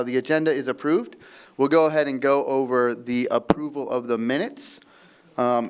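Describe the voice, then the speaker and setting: A man's voice: medium pitch, clean tone. A man chairing a public committee meeting in an easygoing, lightly joking way.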